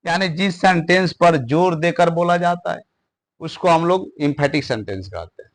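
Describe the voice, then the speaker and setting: A man teaching English grammar in a classroom lesson, slowly repeating phrases word by word. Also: fairly high pitch. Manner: slow, repeats words one at a time for stress.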